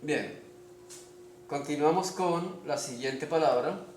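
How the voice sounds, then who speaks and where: A man teaches a spelling lesson in a slow, deliberate way, stopping often to check that his listeners follow. His voice sits a little high for a man. The room is echoey, with a faint hiss of noise behind him. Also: darkish tone. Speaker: language teacher.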